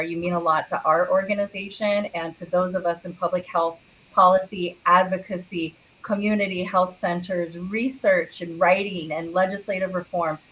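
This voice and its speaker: A woman's voice: on the low side, fairly bright tone, a little hiss or hum, poor audio. A woman moderating a virtual panel, introducing speakers in an upbeat way with frequent ums.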